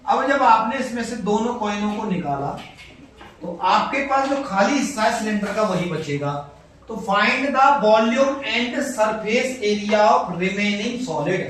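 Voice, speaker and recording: A man's voice: high voice, fairly bright tone. Male maths teacher, patient step-by-step explainer; distant, echoey recording with faint hiss. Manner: explains step by step, repeats key terms, reads English question slowly. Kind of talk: maths lesson for school students. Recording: very echoey room, far from mic, faint hiss.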